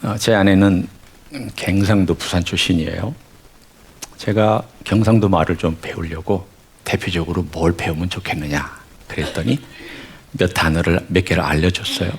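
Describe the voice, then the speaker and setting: A man with a notably low voice delivers a Sunday sermon in a church. He reads the scripture aloud first, then speaks in a relaxed, conversational way and turns often to the congregation with questions. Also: moderate pace, slightly rough. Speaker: pastor. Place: church sanctuary.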